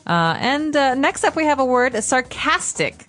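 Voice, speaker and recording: A woman's voice: high-pitched, big pitch swings, a little slow, fairly bright tone, soft background music. A woman co-hosting an English-learning podcast in a casual, playful, teasing way. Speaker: podcast co-host, English teacher. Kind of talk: casual teaching chat.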